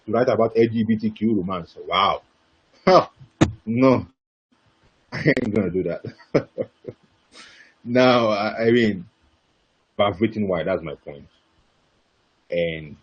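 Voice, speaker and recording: Young guy on a webinar call, lowish husky voice, lo-fi sound, keeps repeating himself. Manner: animated storytelling, repeats words, bursts of laughter. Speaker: webinar guest speaker. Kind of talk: casual webinar talk. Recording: dull lo-fi webinar audio.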